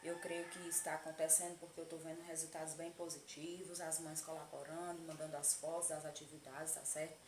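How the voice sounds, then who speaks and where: An affectionate Brazilian woman teaches young children in a casual video lesson and keeps checking that they follow. Her voice sits a little low. The room is echoey, with a faint hum of noise behind her. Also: little pitch movement, brisk, hardly any pauses. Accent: Brazilian Portuguese. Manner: affectionate, checks in often with "tá certo?". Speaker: primary school teacher.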